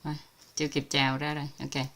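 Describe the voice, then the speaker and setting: A woman's voice: low voice, monotone, fast talker, a bit bright. A woman from Vietnam hosting a casual video call chat, talking freely and laughing often. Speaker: host.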